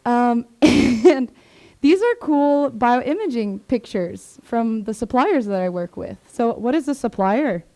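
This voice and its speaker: Her voice sits a little high, slow and mellow with lively intonation. She's a young presenter in her 20s, born in Sweden and raised in Maryland, USA, giving students an informal career talk in a classroom, chatty and loaded with fillers and asides. A 360 camera in the room serves as the microphone.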